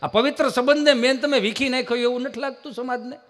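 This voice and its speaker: A man doing live folk comedy storytelling on stage, animated and acting out family characters. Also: very high voice, fast. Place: live stage event with audience.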